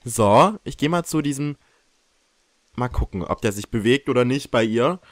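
A man's voice: medium pitch, lively intonation, moderate pace, no room sound. Chatty young man joking over a game. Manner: chatty and joking, teasing the game characters, frequent laughs. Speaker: let's play host. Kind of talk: casual gameplay commentary.

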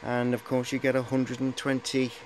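The audio is poor: a man in his forties with a mid-range, darkish, monotone voice talks at normal speed while showing his high-voltage gear. His chat is casual, hesitant, and matey, set in a cluttered indoor workshop and filmed on a handheld camera at arm's length with clear background noise.

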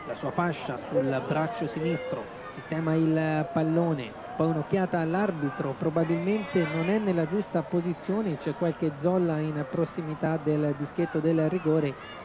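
A man giving live Italian football commentary on television, measured in the build-up and excited in his goal calls. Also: a little high. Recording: clear outdoor stadium noise. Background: stadium ambience.

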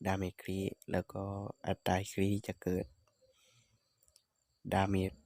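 A man's voice: low-pitched, slow, no room sound. A man from Northeastern Thailand hosting a gaming channel, talking through game stats in a casual, thinking-aloud tutorial voice-over. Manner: relaxed, explanatory, thinking aloud with hums.

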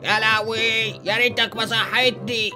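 A man with an Egyptian Arabic accent and a very bright, sharp tone bickers and whines through a gameplay comedy skit. Faint music runs behind him. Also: high-pitched, flat delivery, moderate pace. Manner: whiny, bickering sidekick banter. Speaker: co-player in the skit.

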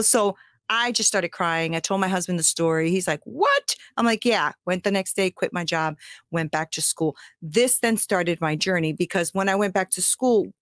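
A woman's voice: medium pitch, no room sound, clean studio sound. A middle-aged woman from the United States tells an emotional personal story as a podcast guest, acting out what people said and laughing often. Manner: animated, acts out quoted voices, laughs often.

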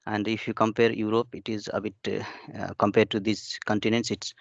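In a webinar, a young Nepali PhD researcher presents his findings in a lowish, creaky, level-toned voice, speaking a little fast but hesitantly, with many fillers and restarts. The video call sound is muffled and dry, with no room sound.

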